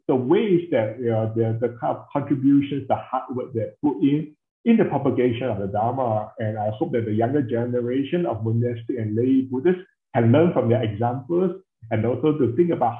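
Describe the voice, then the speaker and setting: A man giving measured academic interview answers, pausing often with fillers and hedging phrases. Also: medium pitch. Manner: measured, hesitant, full of fillers and hedges. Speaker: interviewed scholar. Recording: tinny, echoey call audio.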